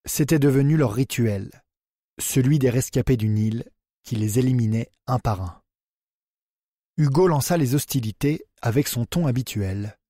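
A man narrating a thriller audiobook in an even, measured reading. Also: medium pitch, no room sound, studio quality. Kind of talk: scripted narration.

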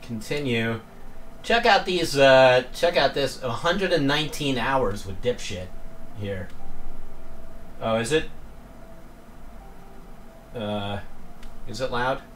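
A man's voice: medium pitch, expressive, slow, long pauses, a bit bright. Rambling man streamer, drifting off-mic. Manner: rambling, self-deprecating, joking with chat. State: winded from climbing stairs. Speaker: game streamer. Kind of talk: casual live-stream chat. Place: home room. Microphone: headphones with desk mic, off-mic at times. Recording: voice sometimes distant from mic, faint room noise.

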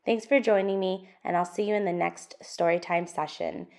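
At an interactive children's storytime, a woman with a medium-pitched voice reads from a picture book, shaping each line in an expressive, sing-song, deliberate way.

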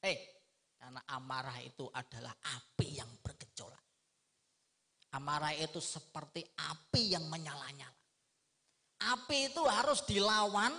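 A middle-aged man giving a lively, humorous religious lecture, asking his listeners rhetorical questions. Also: fairly high pitch, creaky. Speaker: Islamic preacher.

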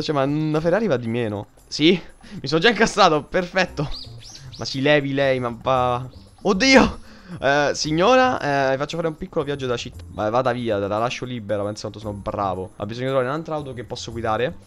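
A young man with a Roman accent, doing excitable let's-play commentary, shrieking in panic and swearing often. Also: medium pitch, a little fast. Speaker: gaming youtuber.

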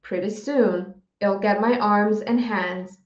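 A woman voicing a gentle, dying elderly male professor who speaks softly and calmly. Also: mid-range voice, natural voice. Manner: soft, calm, unhurried. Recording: dull, roomy recording.

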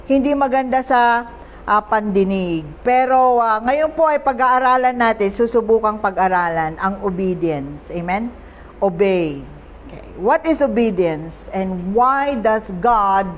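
A Filipino woman preaching to a church congregation through a small microphone, her voice set a bit high. She talks in an unhurried, deliberate way, often asking the congregation for an "Amen.". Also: slight background noise. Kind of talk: sermon. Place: church worship service.

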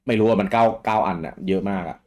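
Man, from Thailand, podcast host, casual rambling chat, somewhat low pitch. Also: fairly even intonation, fast, darkish tone. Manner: rambling, many fillers and repeats.

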